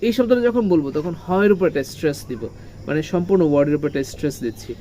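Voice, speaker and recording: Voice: medium pitch, expressive, very fast, warm tone, a little hiss or hum. A teacher, giving a lesson to children. The teacher asks questions, answers them, and repeats key words with heavy stress. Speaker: English teacher.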